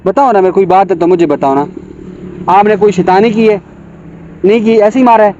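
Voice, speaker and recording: A man talks gently and coaxingly outdoors, repeating his questions. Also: high voice, brisk, muffled recording, slight background noise. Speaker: passerby filming. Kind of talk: casual street talk.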